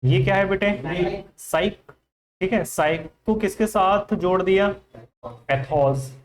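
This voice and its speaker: A man's voice: sits high, slow. A man with an Indian accent teaching an English vocabulary class in Hindi, quizzing his students with repeated questions. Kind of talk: classroom lesson.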